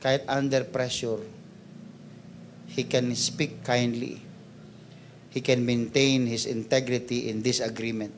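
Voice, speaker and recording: Filipino pastor preaching with rising emphasis. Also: male voice, slight background noise. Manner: switches between Tagalog and English, playful and teasing; rises loud and high for emphasis, drops to quiet asides. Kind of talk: sermon.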